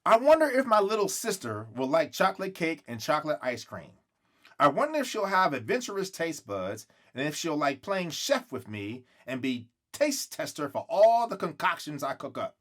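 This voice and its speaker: Fairly high in pitch and fairly bright in tone, a man's very animated voice moves at a moderate pace as he reads a children's book aloud. His storytelling is expressive, with characters' lines acted out and words stretched for effect.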